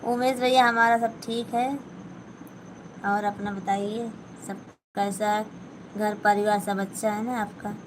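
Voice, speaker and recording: Slow-talking woman chatting on a live stream. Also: medium pitch, flat delivery, background noise. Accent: Awadhi-flavoured Hindi. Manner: reads out viewer comments and answers them chattily. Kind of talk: casual live-stream chat with viewers. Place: at home, sitting and sewing.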